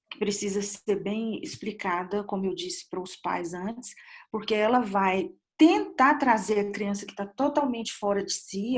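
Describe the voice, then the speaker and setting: Chatty woman lecturing an online class. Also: medium pitch. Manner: conversational, with many fillers and restarts. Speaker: dentistry lecturer. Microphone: computer mic on a video call.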